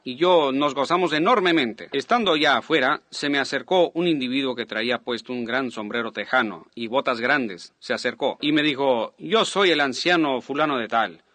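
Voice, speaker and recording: A man dubbing a preacher's sermon into Spanish, telling a personal story in an animated way and acting out the quotes. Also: mid-range voice, normal speed, few pauses, no room sound.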